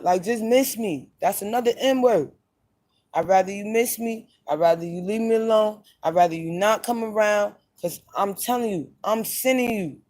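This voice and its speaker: A woman's voice: medium pitch, a little mellow. A woman hosting a late-night podcast in a blunt, emphatic monologue, repeating her points for stress. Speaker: podcast host.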